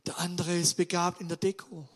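A man preaching a sermon with emphatic delivery, swinging between loud, drawn-out stresses and quiet asides. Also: high-pitched, flat delivery. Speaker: pastor.

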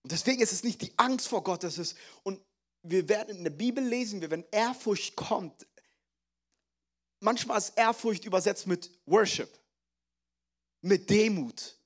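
High-voiced young preacher, lively and joking. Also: male voice, measured pace, long pauses. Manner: lively, joking, mixes in English phrases. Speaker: pastor. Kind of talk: sermon.

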